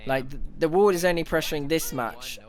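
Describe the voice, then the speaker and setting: Excitable streamer on a livestream headset mic. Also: male voice, fairly high pitch. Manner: rapid, excitable breakdown with frequent restarts. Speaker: streamer analyzing an esports match. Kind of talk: casual live analysis commentary.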